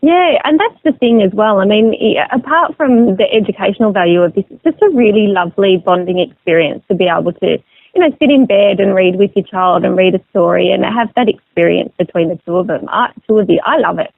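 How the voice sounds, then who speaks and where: Creaky-voiced woman, phone-like audio. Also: medium pitch, a little fast, dry recording. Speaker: magazine editor as interview guest. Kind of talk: conversational explanatory interview. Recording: narrow phone line sound.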